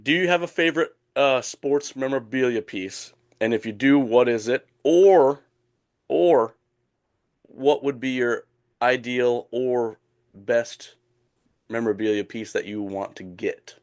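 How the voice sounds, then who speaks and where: A man's voice: medium pitch, a little slow, darkish tone. Nasal, phlegmy male sports show host. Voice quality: nasal, phlegmy, rattly chest. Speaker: podcast host. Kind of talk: casual sports chat.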